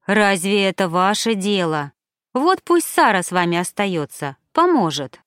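A woman reading an audiobook, voicing a motherly older cook woman who fusses and chides slowly. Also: medium pitch, sing-song, a bit bright, smooth, no echo, studio quality. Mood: fussing.

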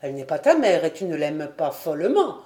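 A woman's voice: low-pitched, sing-song, dark tone, reverberant. Woman reading as a breezy, proud painter father. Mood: consoling. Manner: light, brisk, then cold and clipped.

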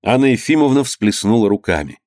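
A male narrator reads a historical tale in a calm, measured way. His voice sits at a middle pitch, recorded dry and close with no room around it. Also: no room sound. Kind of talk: audiobook narration of a historical novel.

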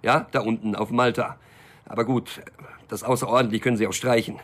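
In a radio crime drama, a male actor plays a cynical, restless small-time drug hustler, sardonic and brooding in wry asides, with an indignant mood. His natural mid-range voice is steady, brisk, and fairly bright.

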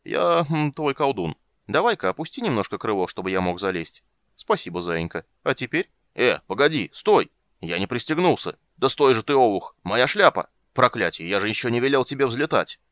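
A man's voice: lowish voice, big pitch swings, moderate pace, fairly bright tone. A scatterbrained old wizard who flusters, scolds and cackles, his voice jumping up and down, as a man reads him out. He sounds close to the mic in a dry space without echo, like a storybook narration. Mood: fussy.

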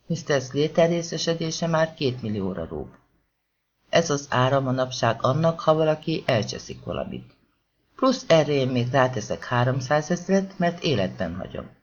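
A man reading an audiobook voices a cold, menacing male gangster who speaks slowly and mockingly. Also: medium pitch, close to an everyday voice. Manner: slow, threatening, mocking. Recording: dull lo-fi audiobook recording.

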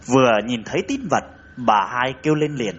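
A man's voice: moderate pace, fairly bright tone, husky. A man reading a ghost story aloud, raising his voice for the frightened women's lines. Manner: reads dialogue with raised, urgent pitch for women's lines. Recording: dull lo-fi recording.

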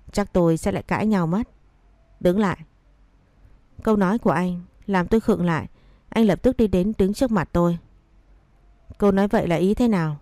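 Woman narrator, lowish mellow voice, dry close recording, story reading. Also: dry recording. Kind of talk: first-person story narration with character dialogue.

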